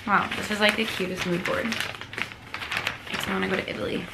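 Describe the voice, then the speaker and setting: Her fairly quick, mid-range voice carries vocal fry and a scratchy texture, with fairly even intonation. She's a young woman sitting up in a hotel bed, casually vlogging to camera, chatty and gushing and heavy on fillers.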